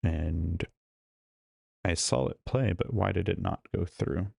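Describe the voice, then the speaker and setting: Gravelly, darkish, and breathy at the edges, a man's low voice moves slowly with no echo. He's running a casual live stream from a hotel room, his voice going, chatting and saying hello to each viewer via a laptop-connected studio microphone.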